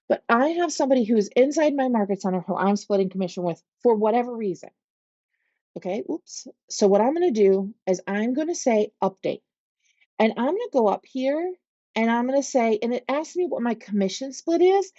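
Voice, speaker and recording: A real estate trainer with a Pittsburgh accent patiently walks agents through software on a screen share, going step by step and often checking in with "okay?" Her medium-pitched voice is mellow and dark. The lo-fi audio is dry with no room sound and slightly dull, like a computer mic.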